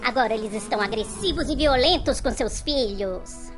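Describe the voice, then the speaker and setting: A woman's voice: a little high, expressive, moderate pace, soft background music, lightly acted. A woman voicing a tiny, boastful villain mosquito in a cartoon story. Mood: smug.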